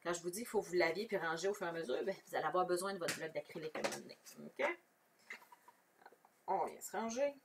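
This crafting demonstrator speaks fast and animatedly in a lowish, gravelly voice with a Québécois French accent. Chatty and relaxed, she explains every step and responds to viewers, recorded somewhat far from the mic with a bit of hiss or hum.

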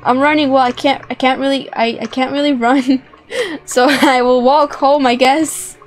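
In a compact room decorated with plush toys, a young adult woman hosts a gameplay video over music. She speaks at an ordinary pace in a high, even-toned voice, giggling, exclaiming, and repeating lines playfully.

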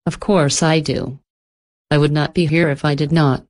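A poised, cultured ancient entity voiced by a woman speaks in a low, soft, even tone. Every word is measured and unhurried, courteous on the surface but menacing beneath. It belongs to a horror storybook reading. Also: natural voice. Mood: menacing, amused. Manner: even, measured, softly spoken.

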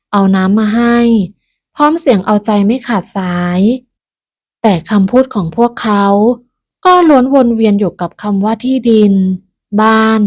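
A woman narrating a moral folk tale in a measured, even storytelling manner. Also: mid-range voice.

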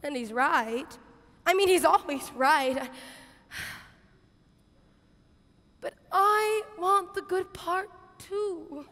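A woman's voice: very high voice, slow, full character voice. A young woman performing a dramatic stage monologue as a bossy, harried biblical kitchen hostess, with exaggerated theatrical intonation. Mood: pensive, torn. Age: teens to young adult. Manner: exaggerated, theatrical intonation, swinging from hushed asides to shouts. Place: stage in a large auditorium with audience. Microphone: headset. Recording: reverberant large hall, headset mic.

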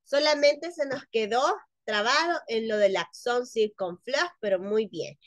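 A woman's voice: a little high, a little slow, no room sound. A woman teacher running a class spelling contest, spelling words out letter by letter in a patient, encouraging way. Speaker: French teacher.

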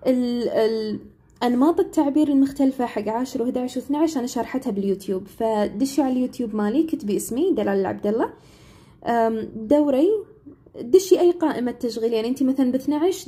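A woman's voice: fairly high pitch, mellow, husky. A young woman, an English teacher chatting casually on a live stream and often checking in with "right?".

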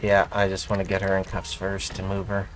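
A man playing a police officer in a game roleplay, mixing in-character radio calls with casual chat, animated and swearing as he narrates his actions. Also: low voice, brisk, slight background noise.

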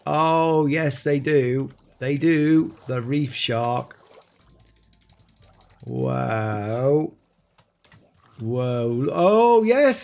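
Excited man commenting gameplay. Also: medium pitch. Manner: enthusiastic, exclaims often. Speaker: game showcase host.

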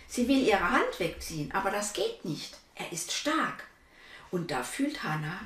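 A woman's voice: fairly low pitch, sharp tone, roomy sound, distant mic, a little hiss or hum. Woman reading a children's story aloud. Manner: asides to children and her dog.

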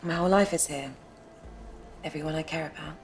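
A woman's voice: low voice, brisk, faint music behind, close to an everyday voice. An actress playing a friendly, hesitant young woman in a sitcom. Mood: thoughtful. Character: Steph, warm young woman, Darren's ex. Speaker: supporting character in comedy series. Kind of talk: sitcom acting.

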